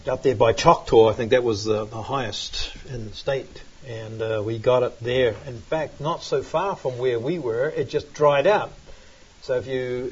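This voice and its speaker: Husky New man rambling. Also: mid-range voice. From New Zealand. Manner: rambling, hesitant, many fillers. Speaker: pastor. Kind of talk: relaxed sermon chat and prayer. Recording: dull lo-fi recording.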